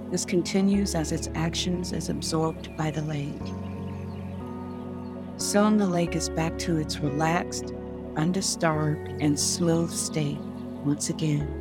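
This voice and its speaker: A woman podcast host narrating a guided meditation like a sleep story, soothing and unhurried, leaving pauses between short phrases. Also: fairly low pitch. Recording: new-age music behind the voice. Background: calm new-age music.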